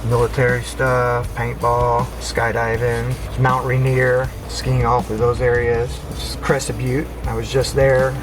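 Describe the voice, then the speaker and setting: A man's voice: mid-range voice, level tone, takes it slowly, few pauses, music in the background. A man in a casual interview, enthusiastically listing his adventures. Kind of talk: casual chat.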